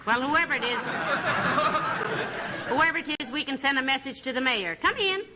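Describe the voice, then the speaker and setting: An actress playing a tart, sharp-tongued wife in a 1940s radio comedy. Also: female voice, high voice, animated, normal speed. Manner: tart, teasing. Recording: hissy old radio recording.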